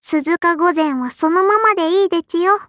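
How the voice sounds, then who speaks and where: A woman's very high-pitched, fairly bright voice moves at normal speed in a studio-quality recording free of room sound. Her character is a tiny, prim sparrow-spirit girl from an anime game, childlike and lisping, whose polite yet scolding lines carry a quirky tic and a critical edge.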